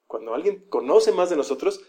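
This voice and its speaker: Male preacher, mellow tone, conversational sermon delivery. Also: fairly high pitch, lively intonation, fairly quick. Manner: conversational, acts out quoted voices.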